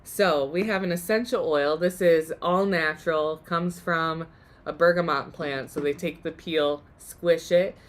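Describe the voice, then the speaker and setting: A woman's voice: low voice, steady tone, a little slow. A woman host losing her voice, giving a chatty, upbeat live DIY demonstration. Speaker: workshop host.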